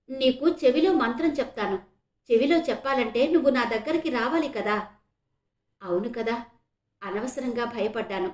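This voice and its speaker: High-voiced woman narrating a novel. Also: echoey room. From Visakhapatnam, India. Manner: steady expressive reading. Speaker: audiobook narrator. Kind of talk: novel reading.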